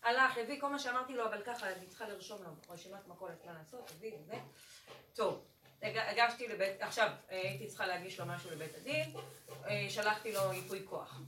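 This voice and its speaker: A woman's voice: mid-range voice, pushed and bright. A woman who works as a rabbinical court advocate tells a class about one of her cases, acting out both sides of each conversation. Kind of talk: animated storytelling to a class. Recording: roomy, distant, noisy room recording.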